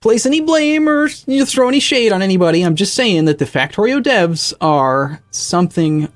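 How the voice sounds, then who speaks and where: Setting up a game on his live stream, a young man rambles along, keeps correcting himself, and reads and responds to chat. He sounds high-pitched and animated at a normal speed, with faint background music.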